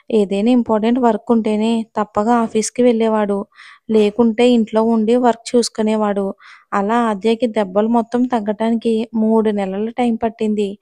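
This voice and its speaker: A woman storyteller reads a romance novel in a steady, even narration. Her voice sits a little high. The recording is close and dry, with no room sound. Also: no echo.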